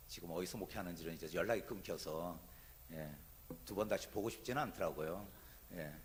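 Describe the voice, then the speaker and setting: Male pastor, mid-range voice, lively anecdotal preaching to a congregation. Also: medium pitch. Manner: animated, humorous anecdote telling. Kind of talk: sermon with storytelling. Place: church sanctuary.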